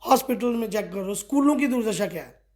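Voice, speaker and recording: A middle-aged man from Kathua speaks in a notably high voice. He is a district party official giving a local news interview. He presses his complaints forcefully and leans on rhetorical questions. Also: animated, quick pace. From Kathua, Jammu and Kashmir.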